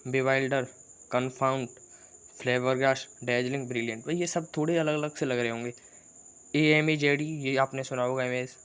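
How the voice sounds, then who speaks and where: A man's voice: mid-range voice, a bit bright, clear, resonant tone. A man teaching an exam-prep vocabulary lesson, chatty and teasing as he rattles off lists of synonyms.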